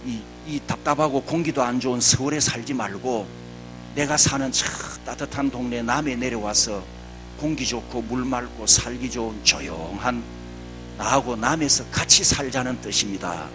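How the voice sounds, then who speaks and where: A man's voice: medium pitch, normal speed, over music, natural voice. A male pastor voicing a plain-spoken widowed countrywoman with a Gyeongsang dialect, homely and blunt, in a sermon story. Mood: coaxing.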